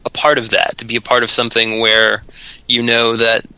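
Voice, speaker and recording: A man's voice: mid-range voice, monotone, moderate pace, sharp tone, smooth, no echo, low-quality recording. A man co-hosting a radio talk show, speaking with enthusiasm and lots of fillers and repeated words. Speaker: radio co-host and volunteer. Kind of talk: casual talk radio chat.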